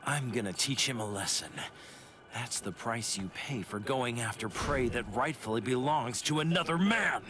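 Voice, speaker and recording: A man's voice: medium pitch, lively intonation, normal speed, pushed and bright, faint music behind. An actor playing a brash, violent young male warrior spirit in a game cutscene, cocky and bossy.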